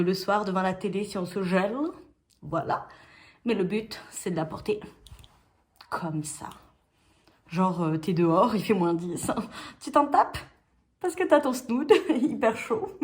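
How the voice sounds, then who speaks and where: Giggly chatty woman sewing host. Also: medium pitch. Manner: chatty and giggly, self-mocking asides. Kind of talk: casual sewing tutorial.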